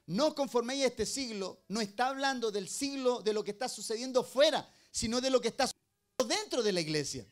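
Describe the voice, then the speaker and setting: A middle-aged male pastor with a very high voice, preaching a sermon. He fires rhetorical questions at the congregation and swings between loud, stressed phrases and low, quiet asides. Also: animated, a little fast.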